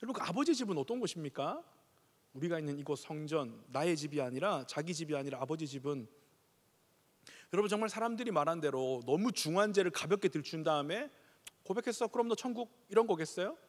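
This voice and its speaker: A middle-aged man from the region of Korea, preaching to a youth congregation, animated and questioning, acting out voices. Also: fairly high pitch, quick pace. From Gyeongsang region, Korea. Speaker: pastor. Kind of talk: sermon. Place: large church sanctuary. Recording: reverberant church sanctuary.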